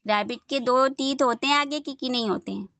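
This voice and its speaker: A young woman teaching an online class, who patiently drills letter sounds slowly and repeats them over a video call. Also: high voice, a bit bright, no echo. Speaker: online Quran reading teacher.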